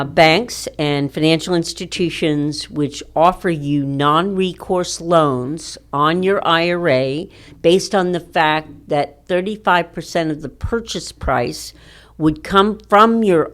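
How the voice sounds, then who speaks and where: Low-voiced woman podcast guest. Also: slow. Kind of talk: podcast interview.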